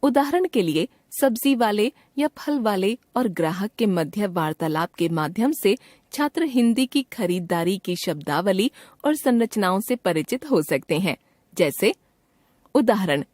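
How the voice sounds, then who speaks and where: A woman reading a school textbook lesson aloud in a measured, even way. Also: mid-range voice, no echo. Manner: measured, evenly paced reading. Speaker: textbook narrator. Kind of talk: scripted educational reading.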